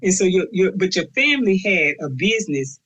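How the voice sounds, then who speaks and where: A woman's voice: lowish voice, sing-song, a little fast, poor audio. Woman hosting an interview podcast. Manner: warm encouraging prompts, many soft "mm-hmm"s. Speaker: podcast host.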